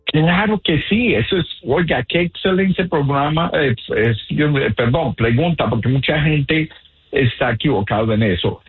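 A man's voice: on the high side, expressive, normal speed, husky, faint music behind. A man from Colombia, a real estate agent, explaining earnestly on a radio call-in show with many fillers. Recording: tinny phone line.

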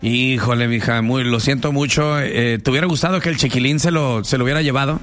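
A man's voice: medium pitch, a little fast, a bit bright. A man hosting a casual call-in radio show, chatty and slangy. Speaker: radio host.

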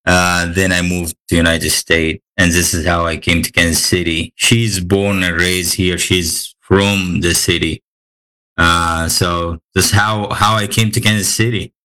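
A man with an Egyptian accent is a guest in a casual interview chat, hesitant and full of fillers, laughing easily. His deep voice is unhurried and sharp in tone, with little pitch movement.

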